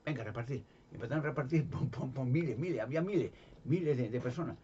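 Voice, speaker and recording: A man's voice: medium pitch, expressive, quick pace, warm tone, highs cut off, slight background noise. A man from Spain with a Spanish accent, preaching informally and retelling Bible stories, rambling with many restarts. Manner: rambling, many restarts, acts out quoted voices.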